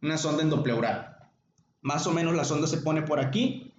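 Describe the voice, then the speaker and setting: Teaching medicine in a relaxed online session, the Mexican-accented man jokes around and addresses students by name. His voice sits on the high side and is a little mellow, at normal speed, with slight hiss or hum. It's captured as an echoey, dull lo-fi room recording.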